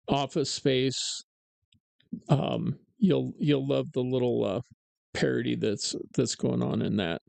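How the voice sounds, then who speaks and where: A man's voice: mid-range voice, creaky, darkish tone, dry recording. A man hosting a live-streamed talk show, chatting casually and ranting sarcastically with plenty of fillers. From United States. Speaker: podcast host.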